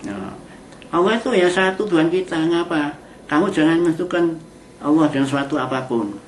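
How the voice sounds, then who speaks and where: A man giving a Quran exegesis lesson, reciting verses slowly and then explaining them in chatty, colloquial asides. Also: a little high, a little hiss or hum. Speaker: Quran teacher. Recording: echoey room.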